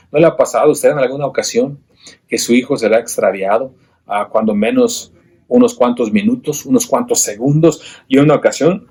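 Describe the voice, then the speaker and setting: A man's voice: medium pitch, a little mellow, breathy edge. A man teaching a church Bible class, earnest and full of rhetorical questions to his listeners, often restarting and repeating words.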